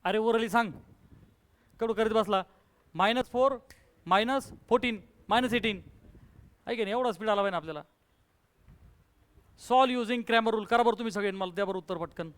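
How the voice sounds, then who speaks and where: Brisk male maths teacher. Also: sits high, fairly bright tone, smooth. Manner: brisk, coaxing, quizzes students, calls them 'beta'. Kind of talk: classroom lecture with student call-and-response.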